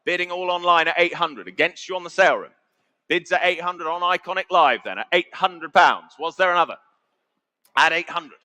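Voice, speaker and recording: A man's voice: high voice, a little fast, bright, forceful tone. A British man working as an auctioneer, calling bids in a conversational way and repeating the figures. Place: auction sale room.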